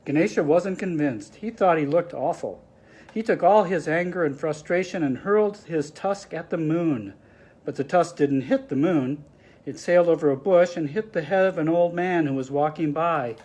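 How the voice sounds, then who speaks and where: A man's voice: fairly high pitch, normal speed, darkish tone, breathy edge. A man reading a picture book aloud to children, explaining the pictures with friendly asides. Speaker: storybook reader.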